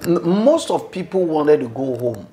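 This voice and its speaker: A middle-aged Ghanaian man, a bishop, talking as an interview guest in a room, mixing English and Twi, animated and preacherly. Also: a little high, normal speed. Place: indoor living room, seated on sofa.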